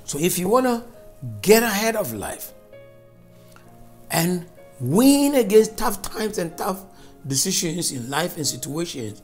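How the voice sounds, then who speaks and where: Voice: mid-range voice, sing-song, unhurried, long pauses, soft background music. A preacher giving a fervent, emphatic sermon and spoken prayer, repeating phrases for stress.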